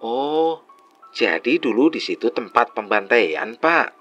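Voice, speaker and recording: A man's voice: medium pitch, lively intonation, takes it slowly, fairly bright tone, lo-fi sound, faint music behind. A man voicing a young male worker at a tourist site, chatty and easily frightened, in a storytelling dialogue. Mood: scared.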